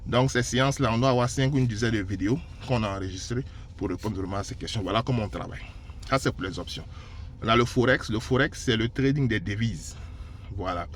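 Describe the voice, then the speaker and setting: A man, founder of a trading school, pitching his courses in an unscripted and explanatory way, with frequent fillers and hesitations. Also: fast, slight background noise. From Côte d'Ivoire. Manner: informal and explanatory, peppers speech with "voilà" and hesitations. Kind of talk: unscripted promotional pitch to camera.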